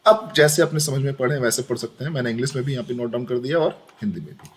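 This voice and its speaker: A man's voice: mid-range voice, quick pace. A young man teaching a chemistry lesson in a chatty way. He repeats questions back to the students as he talks. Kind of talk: screen-recorded lesson.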